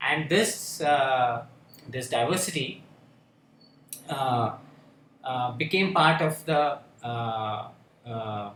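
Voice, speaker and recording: A man speaking on a panel discussion, halting and full of fillers and restarts. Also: mid-range voice, fairly bright tone, slight background noise. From India. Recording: echoey room with faint ambience.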